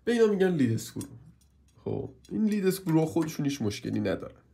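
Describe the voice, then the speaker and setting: In a slightly high, sing-song, mellow voice made hoarse by a cold, a man complains his way through a casual hands-on review of a purchase and keeps turning to viewers for help.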